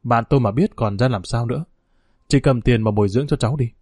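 A matter-of-fact doctor , read by a man, talks fast and to the point. The voice is plain and everyday, and the recording is dry. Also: mid-range voice, darkish tone, husky, dry recording, natural voice. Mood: brisk. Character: calm middle-aged hospital doctor, man.

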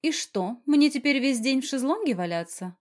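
A woman's voice: lively intonation, normal speed. A woman reading an audiobook and voicing a feisty young woman who protests indignantly in a raised voice. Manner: indignant, higher bright tone.

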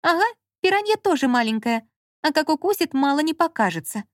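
Женщина озвучивает капризную Лолу. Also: female voice, big pitch swings, a little fast, dry recording, clean studio sound. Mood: plaintive. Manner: plaintive, pouting, high-pitched. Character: young woman Lola, fussy, whiny and touchy. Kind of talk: audiobook character reading.

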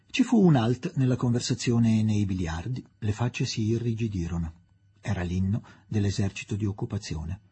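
Husky, expressive male novel reader. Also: on the low side. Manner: expressive storytelling. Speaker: narrator. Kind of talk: reading a novel aloud on radio.

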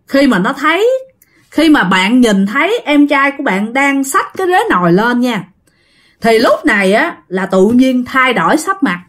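A woman's voice: fairly high pitch, fairly bright tone. Chatty woman telling a ghost story. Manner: chatty, addresses listeners directly. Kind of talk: casual ghost-story narration.

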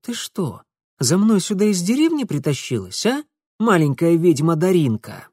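A man voicing a blunt young gentleman who speaks in a curt, barking way. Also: sits high, sing-song, normal speed, breathy edge, no echo, studio quality, pitched above the performer's own voice, full character voice.

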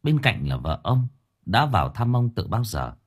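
A man narrating a spooky audiobook story in an expressive, vivid way. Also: lowish voice, normal speed, husky. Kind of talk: dramatic horror story narration.

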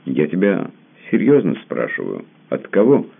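A man with a very deep, gravelly voice playing an infatuated, jealous gentleman who pleads earnestly, heard through a tinny phone-like line. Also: huge pitch swings, moderate pace, heavily acted. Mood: pleading.

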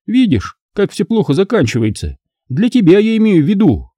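Man doing a scheming young woman, high sneering voice, taunting, swings widely, dry close sound. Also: big pitch swings, a little fast, dark tone, slightly rough, dry recording, full character voice. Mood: gloating mockery. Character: spiteful scheming young woman, mocking and shrill.

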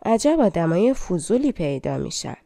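A woman voicing a rude, hurried young man in a storybook tale, curt and dismissive. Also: lowish voice, big pitch swings, warm tone, dry recording, clean studio sound.

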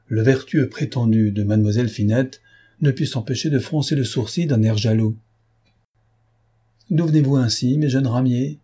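A man narrating a novel as an audiobook in a measured, expressive manner. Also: fairly low pitch, breathy edge. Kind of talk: scripted narration.

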